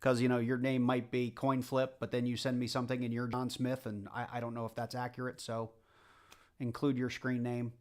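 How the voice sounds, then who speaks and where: This livestream host speaks a little fast in a monotone, mid-range voice with a light Southern US accent. He's hunting coins and chatting casually with viewers, rambling and talking to the chat.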